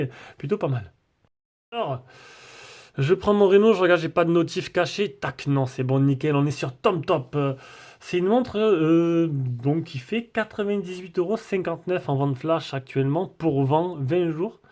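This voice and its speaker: A man's voice: on the high side, a little mellow. A man doing a casual, rambling tech review, full of fillers and restarts.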